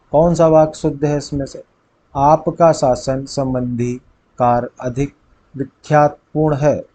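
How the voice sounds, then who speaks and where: A man's voice: medium pitch, dark tone, poor audio. A man tutoring for exams, reading multiple-choice grammar questions aloud and then stating which answer is correct. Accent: Hindi, north India. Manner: reads options, then states the answer. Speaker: exam tutor.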